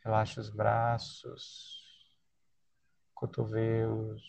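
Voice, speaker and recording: A man with a Brazilian accent leading a guided body-scan relaxation in a soothing, unhurried way, leaving long pauses between short phrases. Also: on the low side, monotone, gravelly, a little mellow, slight background noise. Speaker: guided meditation leader.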